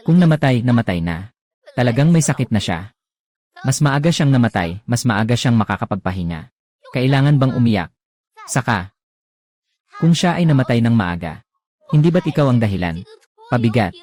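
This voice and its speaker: A man's voice: medium pitch, sing-song, normal speed, long pauses, darkish tone. A man voicing a cruel, scheming middle-aged aunt in a drama recap voice-over, with scornful, mocking speech.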